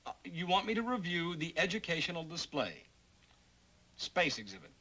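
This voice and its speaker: An actor playing a harried young newspaper reporter, exasperated and stammering, in a 1960s sitcom. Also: male voice, fairly high pitch, very animated, moderate pace, bright, forceful tone, heavily acted. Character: harried young male reporter, put-upon nephew.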